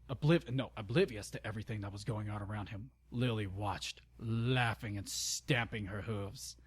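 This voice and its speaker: A man's voice: mid-range voice, slightly rough. Exasperated young man reading fan fiction aloud. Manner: exasperated, groaning asides and frequent stumbles. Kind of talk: dramatic reading with comic asides.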